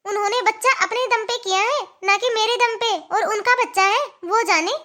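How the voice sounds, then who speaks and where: A woman voicing a spoiled, indignant young married woman in a cartoon, complaining with sharp retorts and scoffing laughs. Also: very high voice, moderate pace. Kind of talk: cartoon voice acting.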